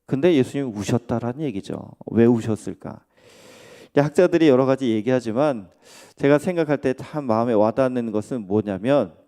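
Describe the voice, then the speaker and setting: A man preaching a sermon in a church, with a warm, mellow voice at an ordinary middle pitch. He speaks conversationally and keeps asking his listeners questions. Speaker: pastor. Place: church sanctuary.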